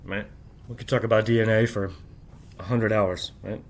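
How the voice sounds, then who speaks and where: With a lowish voice, steady tone and moderate pace, a middle-aged channel host rambles in a late-night monologue to camera. Almost every thought ends in "right?", and he speaks quietly so his family can keep sleeping.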